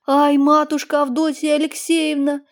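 A woman's voice: sits high, animated, moderate pace, darkish tone, voice pushed up. A woman reading an audiobook, voicing an older peasant man who speaks plaintively and deferentially. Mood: sorrowful. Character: older peasant man, meek, sorrowful, fawning.

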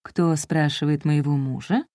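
A woman doing a haughty young bride on the phone in an audiobook, cool and dismissive at first, then rude and shrill, with a low, mellow voice. The sound is close and dry, with no room around it. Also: steady tone, unhurried, no room sound.

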